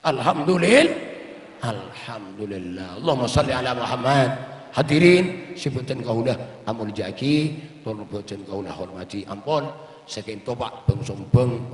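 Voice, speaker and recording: A male preacher giving a sermon, swinging from loud cries to soft low asides and often calling out to the listeners. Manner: often addresses audience as Pak. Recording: echoey hall with long reverb.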